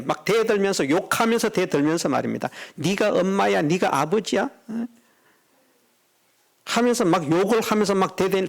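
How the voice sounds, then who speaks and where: An animated male pastor delivering a sermon, his pitch sitting a little high and swinging widely. He acts out quoted voices as he preaches.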